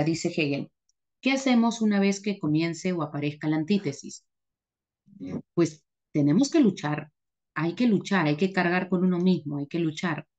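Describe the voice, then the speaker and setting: A woman's voice: on the low side, darkish tone, lo-fi sound. A woman teacher giving an emphatic motivational lecture, repeating her points and answering her own rhetorical questions. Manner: emphatic, repetitive, asks herself rhetorical questions.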